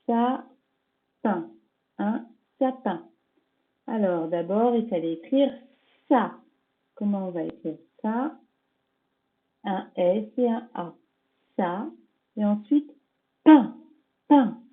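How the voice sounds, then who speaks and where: A woman teaching young children remotely, slowly sounding out letters and syllables in a gentle, reassuring way. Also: medium pitch. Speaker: primary school teacher. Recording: tinny phone-like home recording.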